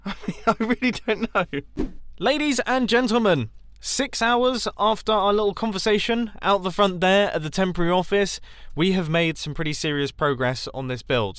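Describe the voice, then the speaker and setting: Chatty man with a slightly high voice. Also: a bit bright, no room sound. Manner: chatty and enthusiastic, laughs often; rambling with frequent restarts. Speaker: gaming YouTuber. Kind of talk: casual gameplay commentary.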